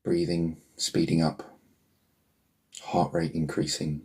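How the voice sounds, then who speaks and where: A man leading a guided healing meditation in a soothing, unhurried murmur, leaving long pauses between phrases, with a gravelly, husky voice. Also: rumbling low, little pitch movement, darkish tone.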